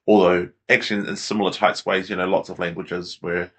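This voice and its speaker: A man hosts a relaxed podcast conversation. His voice sits somewhat low, and he listens closely, dropping in short affirmations before asking his questions. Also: fast, husky. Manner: attentive, frequent brief affirmations. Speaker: podcast host. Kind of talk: casual conversational interview.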